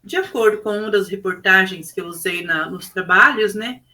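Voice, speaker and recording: A woman's voice: mid-range voice, moderate pace, bright, forceful tone, rough recording. A woman teacher with a Brazilian Portuguese accent, presenting her classroom project in an explanatory way with frequent fillers.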